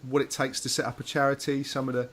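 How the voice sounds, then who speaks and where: Guy hosting a chat, lots of ums, middling pitch. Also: little pitch movement, fast, fairly bright tone. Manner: chatty, many fillers. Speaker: host. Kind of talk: casual interview.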